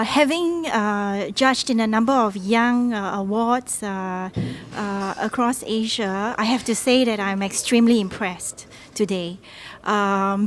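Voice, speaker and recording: A woman from Singapore answering interview questions as an advertising judge, speaking deliberately and pausing often with fillers. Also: mid-range voice, slight background noise. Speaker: advertising institute vice president, judge.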